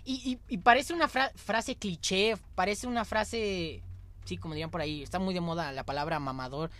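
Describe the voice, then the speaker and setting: A man's voice: sits high, normal speed, a bit bright. A young adult man speaks straight to his listeners in a motivational podcast monologue. He is earnest and exhorting, circling back on his phrases to drive each point home. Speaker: podcast host.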